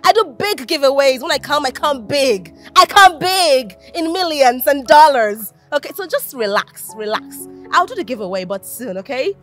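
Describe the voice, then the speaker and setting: A Nigerian actress playing a vain, boastful female influencer who insults people in a haughty way, with soft film music behind. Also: high voice, lively intonation, moderate pace. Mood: bragging. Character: vain lying female social media influencer. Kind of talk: Nollywood film acting.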